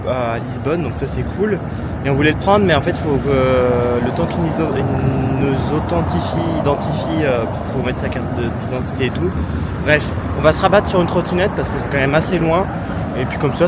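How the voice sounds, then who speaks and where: A man's voice: medium pitch, heavy background noise. A man casually vlogging a city trip outdoors, chatty and hesitant, with lots of fillers and self-mocking asides. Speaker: travel vlogger. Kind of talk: casual travel vlog.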